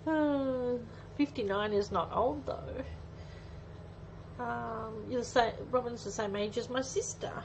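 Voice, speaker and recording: Her voice is on the high side and gravelly, and she takes a slow pace. She's a woman in her forties hosting a live craft demonstration, chatting casually with viewers and thinking aloud. Muffled audio with faint background noise.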